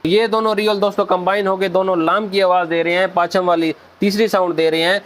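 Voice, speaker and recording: A man hosts a casual video lesson on Korean pronunciation, addressing viewers as friends and slowly spelling out sounds. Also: high voice, flat delivery. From Pakistan. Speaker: Korean language teacher, channel host.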